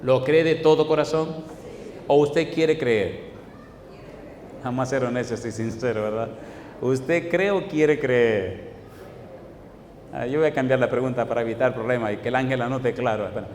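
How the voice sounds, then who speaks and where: A man's voice: medium pitch, fairly even intonation, fairly quick, a little mellow. A man preaching in an echoey hall. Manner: preaching with repeated rhetorical questions to the congregation; storytelling from his own life. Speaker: pastor. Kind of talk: sermon. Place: church hall. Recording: echoey hall, faint background noise.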